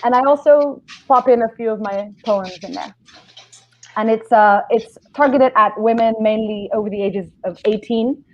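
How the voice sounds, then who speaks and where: A woman in her thirties, born in Israel and raised in London, eagerly pitching her memoir over a video call. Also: normal speed, a little hiss or hum. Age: 30s. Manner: eager, talkative, lively storytelling. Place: home room, seated in a chair. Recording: dull lo-fi video call audio.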